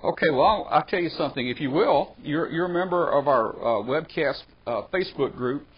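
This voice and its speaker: A man's voice: fairly high pitch, animated, moderate pace, breathy edge. A man hosting a live ham radio webcast, talking in an easygoing way with many trailing fillers. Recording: slightly dull webcast audio with faint noise.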